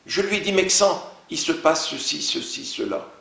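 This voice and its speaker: A man giving an interview, recounting events in lively storytelling and acting out the dialogue of the people involved. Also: a little high, normal speed, vocal fry, echoey room. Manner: animated storytelling, quoting others' words in dialogue. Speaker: interview guest.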